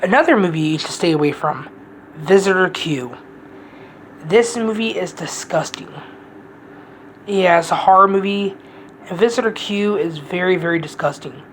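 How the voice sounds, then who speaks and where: A woman's voice: lowish voice, a little hiss or hum, low-quality recording. A woman giving a casual, rambling movie review, blunt and profane, often restarting her sentences.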